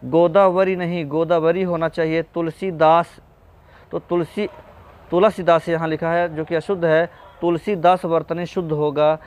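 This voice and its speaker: A man's voice: fairly high pitch, flat delivery, measured pace, darkish tone, smooth. A man teaching an exam-prep spelling lesson, patiently going through correct and incorrect word forms and addressing viewers as friends.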